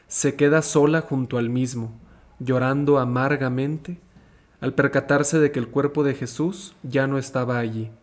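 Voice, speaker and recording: A young man, a seminarian, reading a gospel passage and then giving a short reflection in a calm, measured, earnest voice. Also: mid-range voice.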